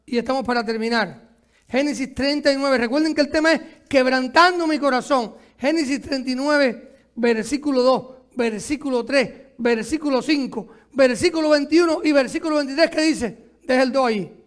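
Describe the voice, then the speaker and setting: A pastor preaching a sermon, asking the congregation rhetorical questions and drawing words out for emphasis. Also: male voice, extremely high pitch. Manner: stretches words slowly for emphasis.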